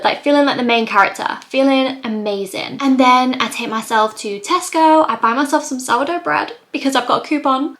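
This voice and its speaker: A woman's voice: on the high side, a bit bright. A young woman in her twenties telling a personal story to camera, chatty and earnest, saying "like" a lot. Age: 20s. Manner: chatty, heavy use of "like", lots of repetition; emotional, earnest retelling. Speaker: vlogger. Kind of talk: casual confessional storytime.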